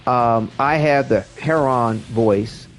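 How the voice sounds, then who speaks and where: A man's voice: medium pitch, takes it slowly, faint music behind, poor audio. A man giving casual gaming commentary in a rambling, slangy way, often repeating his words. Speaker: streamer showing a game to a viewer.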